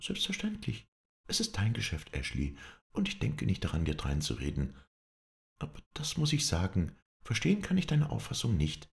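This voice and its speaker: A man reading an audiobook voices a proud young woman who pleads and then defiantly defends herself, lifting his voice high. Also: wildly swooping pitch, normal speed, vocal fry, a little mellow.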